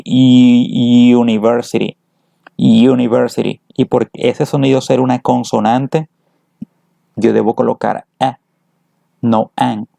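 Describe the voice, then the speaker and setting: Slow, gravelly teacher. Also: male voice, mid-range voice, dark tone, no echo. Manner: switches between English and Spanish, explaining patiently. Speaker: English teacher. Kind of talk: bilingual grammar lesson.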